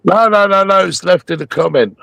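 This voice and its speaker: A man's voice: high voice, a little fast, vocal fry, a bit bright, no room sound. A Scottish man chatting casually and jokily in late-night banter, swearing freely and repeating himself.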